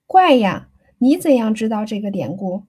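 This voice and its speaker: A woman's voice: fairly high pitch, big pitch swings, normal speed, dark tone, breathy edge. A woman voicing a chatty, easily flustered young married woman in an audiobook reading, playful and evasive.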